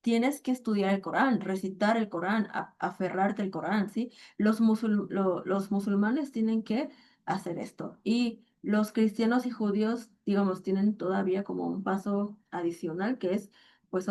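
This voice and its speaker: A woman's voice: medium pitch, darkish tone. A woman teaching a casual online lesson on the Quran and Arabic, thinking aloud and often checking in with her listeners.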